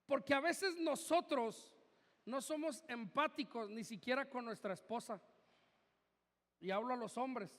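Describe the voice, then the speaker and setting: A male pastor with a Mexican Spanish accent preaches to his congregation in a conversational way, dropping joking asides. His voice sits very high and he speaks slowly. The recording carries the long reverb of a church hall. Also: a bit bright. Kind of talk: sermon.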